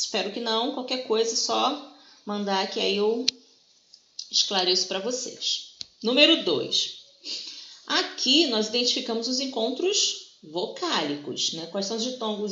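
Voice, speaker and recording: A woman teacher with an expressive, bright, forceful voice on the high side takes an unhurried pace through a grammar lesson, patiently explaining and asking "tá?" to confirm understanding. Sound is dull and lo-fi, recorded in an echoey room.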